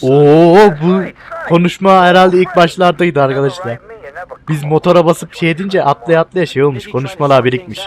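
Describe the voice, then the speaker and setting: A young man casually commentating a video game, excitable and bantering, often shouting at what happens on screen. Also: on the high side, normal speed. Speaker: gameplay video host.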